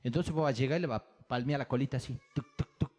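A man's voice: medium pitch, racing, mellow. A man doing live stand-up on a theater stage, telling bawdy stories into a stage microphone with a punchy rhythm. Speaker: stand-up comedian.

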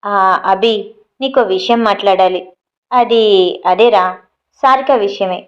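A woman's voice: mid-range voice, a little slow, lo-fi sound, close to an everyday voice. Woman playing a stern controlling father. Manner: stern and lecturing.

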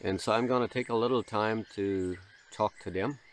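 A man's voice: lowish voice, slight background noise. A young man who is not a native English speaker, talking casually to the camera by a river, often repeating words. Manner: halting, repeats words, relaxed. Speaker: vlogger. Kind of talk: casual solo camping vlog. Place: outdoors by a river. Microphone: camera mic close in front. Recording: outdoor camera audio, faint birds and insects.

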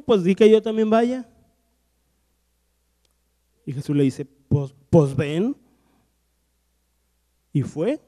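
A man preaching a sermon, telling Bible stories and acting out the characters' lines in a lively storytelling way. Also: high-pitched. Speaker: pastor. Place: church hall. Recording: long church hall reverb.

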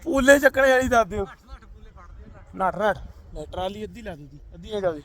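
A man's voice: high voice, animated, brisk, fairly bright tone, a little hiss or hum. A man with a Punjabi accent giving casual, joking, exclamatory commentary outdoors in a rural field as he films. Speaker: vlogger filming teammates at farm work.

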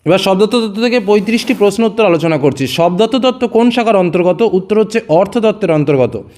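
A man teaching exam revision, reading each question aloud and then giving the answer in a lower, quieter voice. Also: lively intonation, rapid-fire.

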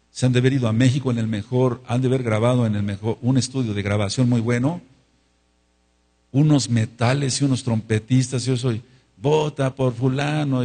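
Husky preacher man leading a congregation. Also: mid-range voice, mellow. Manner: calls for repetition and amens from congregation; emphatic, drawn-out words for emphasis. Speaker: pastor. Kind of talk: sermon.

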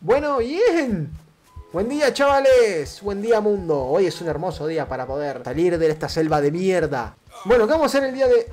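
A man with an Argentine Rioplatense accent giving let's-play commentary, excitable, swearing a lot and shrieking at scares. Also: high-pitched, fairly quick, faint music behind. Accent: Argentine Rioplatense Spanish. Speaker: gamer.

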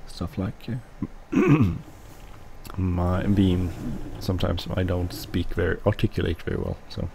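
A man whose first language is Swedish, speaking English with a Swedish accent as he hosts casual gameplay commentary, mumbling and halting with many restarts. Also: sits low, creaky, warm tone, a little hiss or hum, poor audio. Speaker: let's play host.

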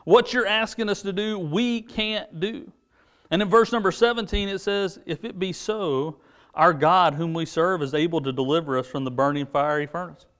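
A man's voice: high voice, moderate pace, fairly bright tone. A man with an American accent, teaching a children's church lesson and retelling a Bible story in an easygoing, storytelling way. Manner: storytelling with paraphrased voices of characters.

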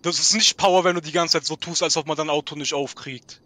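A young streamer defending himself in a heated game argument, dismissive and interrupting. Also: male voice, fairly high pitch, steady tone, fast, bright, forceful tone, dry recording.

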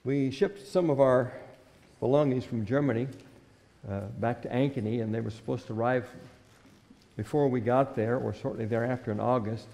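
Older man preaching, gravelly voice. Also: mid-range voice, fairly even intonation, moderate pace, mellow, in a large hall. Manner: old-fashioned, earnest preaching with scripture reading. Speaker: pastor. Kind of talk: sermon. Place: church sanctuary at a pulpit. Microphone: stand microphone at the pulpit.

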